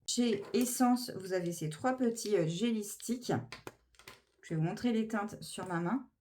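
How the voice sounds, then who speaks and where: A woman's voice: mid-range voice, a little mellow. A woman chatting casually through a makeup tutorial, gushing with enthusiasm over each product. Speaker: beauty vlogger.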